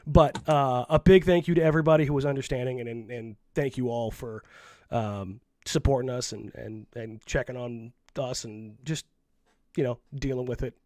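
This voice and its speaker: A man's voice: medium pitch, fairly even intonation, moderate pace, darkish tone, no room sound. A man co-hosts a casual sports podcast from home, still a little sick and recovering. He talks frankly, rambles and restarts his sentences often. His mic sound is dry and close, with no room around it. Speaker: co-host. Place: at home while isolating. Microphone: own microphone, muted between coughs.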